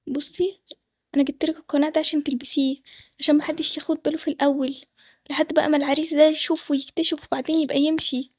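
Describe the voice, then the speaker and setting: Runaway young bride, voiced by a woman, Egyptian, high and rushed. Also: level tone, no room sound, lightly acted. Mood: scheming. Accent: Egyptian Arabic. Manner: fast and pleading.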